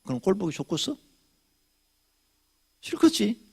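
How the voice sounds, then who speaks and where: Gravelly older Korean pastor preaching. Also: male voice, very animated, measured pace. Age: 60s. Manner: swings from loud shouting to low muttering asides; conversational, rhetorical questions to the congregation. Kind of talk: Friday night sermon. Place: church sanctuary.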